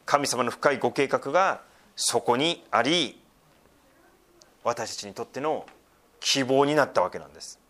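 A man's voice: medium pitch, expressive, unhurried, pauses often, fairly bright tone. A middle-aged male pastor giving a sermon, explaining scripture with frequent asides and a conversational, teaching tone.

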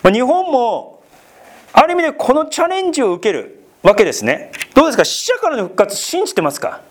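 A pastor with a very high voice preaches an expository Bible sermon at a slightly fast pace. He is lively, his delivery rising and falling as he puts questions and asides to his listeners.

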